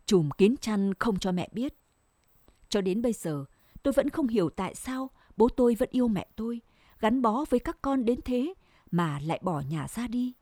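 A woman narrating a scripted first-person story in a measured, sorrowful way. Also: mid-range voice, mellow, no echo, studio quality.

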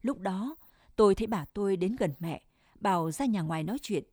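A woman narrating a first-person story in a measured, reflective way. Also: medium pitch, expressive, darkish tone, breathy edge, no room sound, clean studio sound.

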